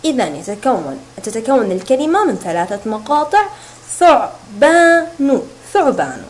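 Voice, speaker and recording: A woman teaching a recorded reading lesson to young children, sounding out syllables slowly and clearly. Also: mid-range voice, sing-song, a little mellow, slight background noise, low-quality recording. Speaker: kindergarten teacher.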